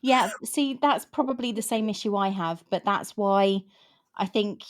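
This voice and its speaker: A woman's voice: medium pitch, a little slow. Woman in her fifties hosting a book chat. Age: 50s. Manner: rambling, with frequent restarts. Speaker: podcast host.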